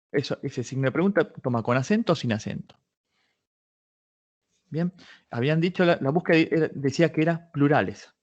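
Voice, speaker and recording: Heard through lo-fi sound, a workshop instructor with a mid-range voice explains a database search step by step in a live online patent search tutorial. He reasons aloud as he goes, with many restarts and corrections of himself.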